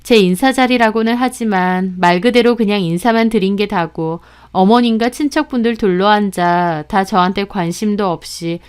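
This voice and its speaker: A young woman calmly narrating a first-person story in a conversational tone. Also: mid-range voice, clear, resonant tone.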